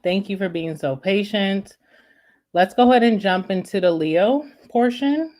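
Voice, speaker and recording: A woman giving a casual tarot reading, chatting directly to her viewers in a relaxed, friendly way. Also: mid-range voice, a little slow. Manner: chatty, addresses viewers as guys and y'all. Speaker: tarot reader.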